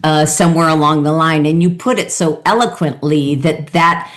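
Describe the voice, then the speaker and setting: Encouraging woman host, lowish voice. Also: normal speed. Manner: encouraging, chatty, laughs often. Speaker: host, coach. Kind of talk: interview conversation.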